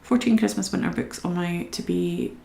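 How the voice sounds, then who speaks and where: Scottish woman, live stream host, gravelly, mellow tone, roomy sound. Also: fairly low pitch, moderate pace. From Scotland. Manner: chatty, talks to viewers while working. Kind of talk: casual chat while colouring.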